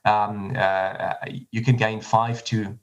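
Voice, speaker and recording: A man's voice: on the low side, flat delivery, takes it slowly, dull audio. A man from Germany with a German accent, a startup CEO answering podcast interview questions in a technical, explanatory way with frequent restarts and fillers.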